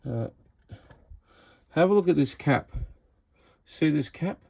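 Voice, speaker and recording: An Australian radio repair vlogger and seller demonstrates a hands-on repair in a casual, informal way, sounding incredulous and exasperated. His voice sits on the high side, slow and a little mellow, with lively intonation and some vocal fry. There's no room sound in the recording.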